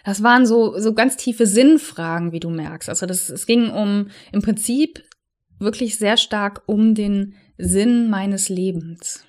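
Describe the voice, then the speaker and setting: A woman, probably in her thirties, speaking to the listener in a personal, reflective monologue as a coach, soft and earnest, slowing to stress key words. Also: medium pitch.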